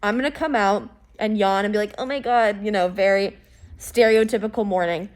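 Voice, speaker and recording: A woman's voice: mid-range voice, a little fast. A young woman casually planning a skit, rambling with lots of fillers and frequent swearing.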